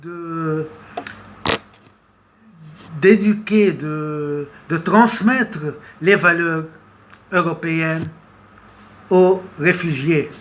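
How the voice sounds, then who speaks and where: In an unscripted political monologue, a man with a voice on the high side and a fairly bright tone speaks very slowly. He halts and hesitates, leaving long pauses and repeating words. The background noise is noticeable.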